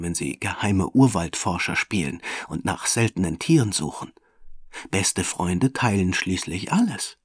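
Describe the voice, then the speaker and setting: A man calmly reading a children's story aloud as narrator. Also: low-pitched, slightly rough, dry recording, clean studio sound.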